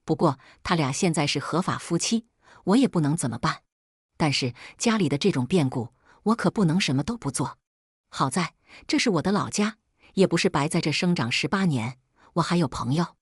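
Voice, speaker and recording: Casting: woman narrator, husky, lowish, dramatic first-person audiobook read. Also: lively intonation, fairly quick, no echo, clean studio sound. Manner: dramatic storytelling.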